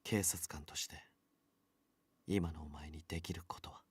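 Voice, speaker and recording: A man voicing a gruff, curt young male detective in a story game. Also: a bass voice, fairly even intonation, fast talker, dry recording, full character voice. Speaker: game character. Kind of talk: anime-style game voice acting.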